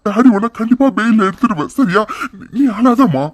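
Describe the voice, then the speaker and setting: A man's voice: high voice, lively intonation, a little fast. A man voicing a doting, indulgent father. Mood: soothing. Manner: soothing, then demanding. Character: indulgent wealthy father, middle-aged. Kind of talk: cartoon voice acting.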